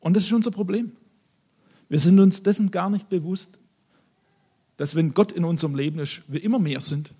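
A man preaching a sermon, telling a Bible story in an animated way and acting out the characters. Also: sits high, moderate pace, pauses often, husky.

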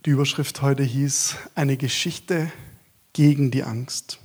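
A man preaching a sermon as a guest preacher. He alternates long stretches of hushed whisper with loud, measured declamation. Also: medium pitch, fairly even intonation, slightly rough.

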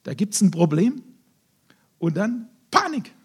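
Husky animated preacher with touch. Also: male voice, high voice, slow. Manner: animated storytelling, acting out scenes in voices. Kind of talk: sermon.

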